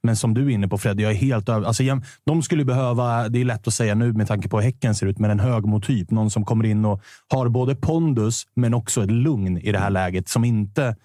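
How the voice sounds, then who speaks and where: A man on a podcast panel, talking football casually and building his points in a measured way. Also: fairly low pitch, mellow, dry recording, clean studio sound.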